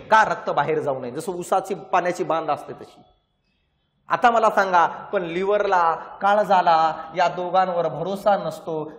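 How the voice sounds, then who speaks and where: A man teaching exam-prep science, explaining through lively stories and rhetorical questions. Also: high-pitched, in a large hall.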